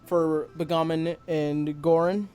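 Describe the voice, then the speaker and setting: A man's voice: fairly high pitch, level tone, dark tone, soft background music. A man narrating a tabletop role-playing game as game master, hesitating often with ums and uhs. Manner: slow, halting narration full of ums and uhs.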